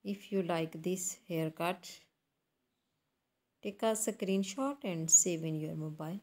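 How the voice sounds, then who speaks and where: A woman reading a scripted voice-over as a channel host, in halting, deliberate phrases. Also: fairly low pitch, darkish tone. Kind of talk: scripted voice-over narration for a slideshow.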